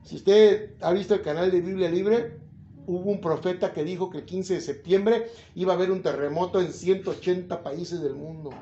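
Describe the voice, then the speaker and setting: Preaching informally from the Bible to his congregation, a man with a Mexican accent chats, jokes, and poses questions to listeners. He speaks at a normal speed in a high-pitched, warm voice with fairly even intonation; the echoey recording sounds slightly dull, with a little hiss or hum.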